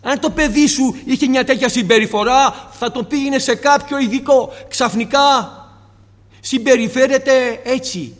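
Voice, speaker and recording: A male preacher giving an impassioned sermon, firing off rhetorical questions and dropping suddenly to a soft tone. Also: very high-pitched, long reverb tail.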